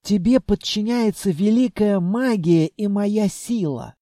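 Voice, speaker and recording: A man voicing a commanding female spirit of a dark castle, speaking in an imperious, urging manner. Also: sits high, unhurried, no room sound, studio quality, pitched above the performer's own voice.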